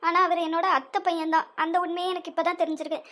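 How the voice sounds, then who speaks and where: A woman's voice: very high voice, little pitch movement, fast, pushed and bright. A woman voicing a young woman betrayed by her lover in a cartoon, speaking with a Tamil accent, bitter and tearful. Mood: grieving. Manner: scornful, then sobbing and pleading. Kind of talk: cartoon dub acting.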